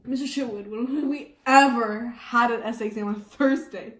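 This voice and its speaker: A woman's voice: a little high, normal speed, a bit bright, lightly acted. A teenage girl playing a sassy student who questions her teacher, in an amateur school skit. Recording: echoey room.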